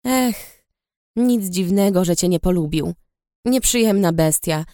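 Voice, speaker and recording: A woman's voice: fairly low pitch, unhurried, mellow, no room sound, clean studio sound, lightly acted. A woman voicing a young male palace guard, earnest and grim, in an audiobook reading.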